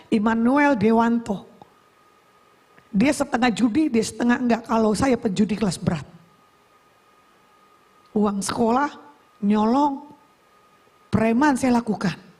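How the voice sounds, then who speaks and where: A middle-aged woman evangelist giving a testimony sermon at a church youth service, telling her story with lively acted-out quotes and loud outbursts. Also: fairly high pitch, moderate pace, long pauses, breathy edge. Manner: animated storyteller acting out quotes, shouting at climaxes. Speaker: evangelist preacher.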